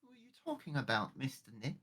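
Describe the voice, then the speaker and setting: A woman's voice: extremely low pitch, wildly swooping pitch, quick pace, background noise, pitched below the performer's own voice, full character voice. A woman doing a polite little girl. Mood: earnest. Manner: innocent, formal, polite. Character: polite earnest eight-year-old girl. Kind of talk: fan voice-over of a game.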